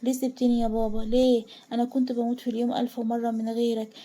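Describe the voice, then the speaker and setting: A woman's voice: a little high, level tone, very fast, mellow, natural voice. Woman voicing a panicked, sobbing young woman. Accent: Egyptian Arabic. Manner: breathless, sobbing, repeating cries.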